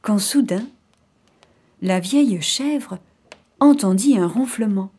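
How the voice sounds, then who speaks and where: A woman narrating a children's fairy tale in an expressive storybook reading. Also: medium pitch, husky. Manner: expressive, unhurried.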